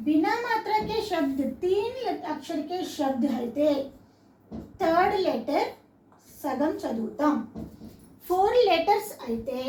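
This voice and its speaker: A woman's voice: sits high, a little mellow. A woman teaching a lesson to children, patiently spelling words out syllable by syllable and asking the listener questions. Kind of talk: classroom-style lesson for children. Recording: roomy echo, mic set far off.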